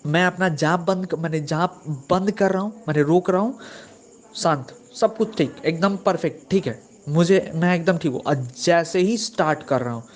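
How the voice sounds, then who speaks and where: A young man speaks in a voice pitched a little high for a man. He tells his story earnestly, stumbling and repeating himself as he goes. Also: normal speed. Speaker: devotee sharing experience. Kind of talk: personal testimony.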